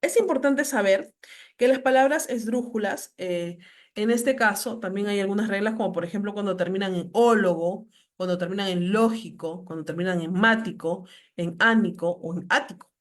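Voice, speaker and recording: A woman lecturer giving a grammar lesson, slowly reading out example words with heavy stress. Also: mid-range voice.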